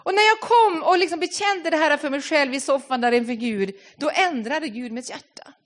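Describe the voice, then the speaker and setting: Earnest woman preaching, fairly high voice. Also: fairly bright tone. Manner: earnest, repeats words while reaching for phrasing. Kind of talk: sermon.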